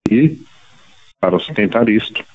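A man's voice: lowish voice, lively intonation, measured pace, husky. A man with a Brazilian accent giving a prepared business presentation as a company chief executive. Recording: dull narrow teleconference sound.

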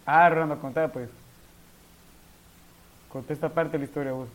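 A man's voice: fairly high pitch, steady tone, normal speed, narrow, tinny audio. A young man, joking and egging his friends on while they tell a party story. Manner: joking, interjecting, egging others on. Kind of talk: casual chat, storytelling among friends.

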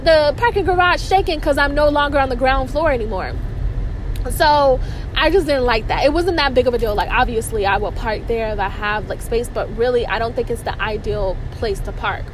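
High-voiced young woman rambling casually. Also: moderate pace, slight background noise, low-quality recording. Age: young adult. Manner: repeats phrases for emphasis. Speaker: college student vlogger. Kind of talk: casual rambling vlog monologue.

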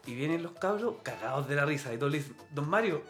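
A man's voice: a little high, expressive, rapid-fire, a bit bright, reverberant, faint music behind. A man with a Chilean accent, a comedian guest telling stories in casual, slangy, profane chat and acting out the people he quotes.

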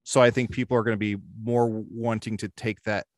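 A man's voice: fairly low pitch, little pitch movement, fairly quick, dry recording. A man in casual podcast chat who rambles and hedges, thinking aloud as he talks.

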